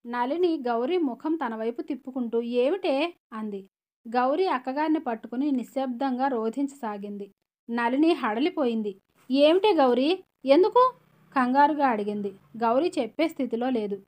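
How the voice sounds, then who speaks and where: A woman narrating a novel as an audiobook reader, in a steady storytelling manner. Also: on the high side. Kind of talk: novel reading.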